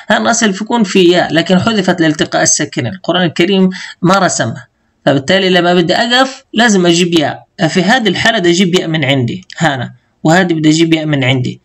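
A man teaching recitation rules in casual colloquial speech, slowly drawing out the verses he quotes. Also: high-pitched. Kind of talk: tajweed lesson explanation.

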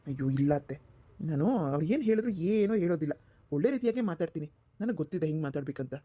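A woman's voice: low voice, lively intonation, very fast, mellow. A woman voicing a kind, respectful young son-in-law in a cartoon, talking earnestly and reassuringly. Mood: polite.

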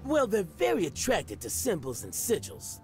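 An actor playing a paranoid, irritable store owner in a comedy video game, agitated and exasperated. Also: male voice, sits high, wildly swooping pitch, moderate pace, a little mellow, full character voice. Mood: explaining. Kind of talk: animated comedy adventure game dialogue. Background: music.

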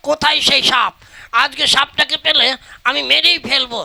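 A man's voice: very high voice, fairly even intonation, moderate pace, gravelly, exaggerated voice. A man voicing a hot-tempered village husband in a folk puppet show, blustering and cursing. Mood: furious. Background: loud folk music.

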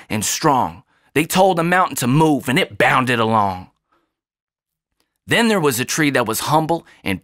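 A man in his thirties reciting a rhymed spoken word poem, his voice rising and falling with animated swings in pitch. The sound is close and dry from a studio microphone in a small home studio. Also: no echo. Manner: rhythmic, expressive rise and fall, emphatic line endings. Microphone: studio condenser mic on stand.

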